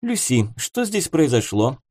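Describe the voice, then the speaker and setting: A man's voice: mid-range voice, sing-song, unhurried, darkish tone, dry recording, pitched above the performer's own voice. A man voicing a worldly young noblewoman who speaks in a wry, teasing way. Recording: dry close studio sound.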